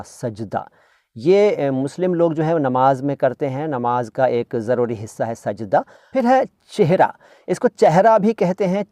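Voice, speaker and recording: A man's voice: medium pitch, dark tone, no echo. A man teaching vocabulary in a chatty lesson, talking straight to his listeners and repeating each word to drill its pronunciation. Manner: chatty, addresses listeners directly with asides. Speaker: language teacher.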